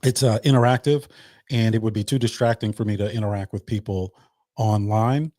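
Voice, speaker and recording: A man's voice: fairly low pitch, fairly even intonation, a little fast, mellow, no echo, clean studio sound. A man hosting a casual livestream chat, loose and talkative, often repeating his words. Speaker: host.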